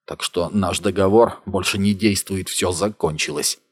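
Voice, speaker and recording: A man's voice: deep voice, normal speed, slightly rough. A man voicing a stubborn man obsessed with treasure who mutters in an audiobook.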